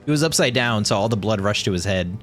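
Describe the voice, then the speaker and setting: A man's voice: on the low side, animated, fast, fairly bright tone. A man streaming a video game, reacting in casual commentary, joking and laughing often. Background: faint game music.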